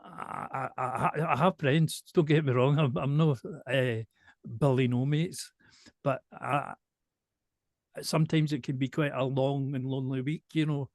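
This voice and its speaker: A man from Glasgow with a softened Glaswegian accent, speaking slowly and precisely in a casual interview. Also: mid-range voice, steady tone, creaky, dry recording. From Glasgow, Scotland. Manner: slow, careful, deliberate delivery with restarts. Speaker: show presenter and singer, interviewee.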